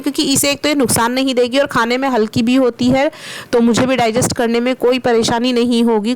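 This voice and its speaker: A woman from Meerut, India, narrating her day as a vlogger and housewife in casual vlog narration, chatty and explaining each step while talking straight to her viewers. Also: on the high side. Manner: chatty, explains steps and addresses viewers directly.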